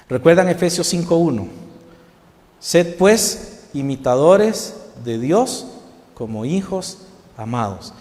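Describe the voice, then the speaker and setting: A man preaching a sermon as a pastor, asking the congregation questions and dropping his voice softly for quoted lines. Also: fairly high pitch. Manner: earnest preaching with rhetorical questions, soft quoted asides. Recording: long hall reverb.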